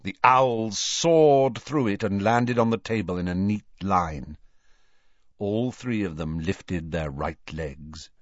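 A man giving a measured, deliberate storybook narration as an audiobook reader. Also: fairly low pitch, no room sound, highs cut off.

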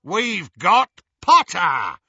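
A man voicing a rasping, brutish werewolf leader who speaks slowly and heavily. The gravelly voice growls through each line. It is read on a dry, somewhat dull recording. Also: low-pitched, animated, pushed and bright, dry recording, voice pushed down, heavily acted. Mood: gruff.

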